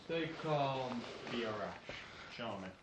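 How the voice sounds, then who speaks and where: A man's voice: medium pitch, animated. A young man, bantering and joking offhandedly with a friend outdoors at an abandoned building. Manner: quick, jokey and offhand. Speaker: exploring companion. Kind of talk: casual banter. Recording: noisy outdoor phone recording.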